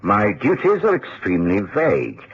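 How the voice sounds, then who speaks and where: An actor playing a genial, earnest middle-aged gentleman doctor with a Received Pronunciation accent, telling his adventures in a radio drama in a measured, expressive way. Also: fairly low pitch. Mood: intrigued, uneasy. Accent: British Received Pronunciation. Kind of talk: radio drama narration and dialogue. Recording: dull, faintly noisy old radio recording.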